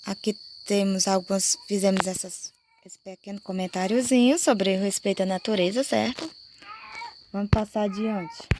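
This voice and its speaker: A Brazilian woman teacher giving a slow, explanatory lesson to fourth graders and checking often that the class follows. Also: mid-range voice, noisy background. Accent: Brazilian Portuguese.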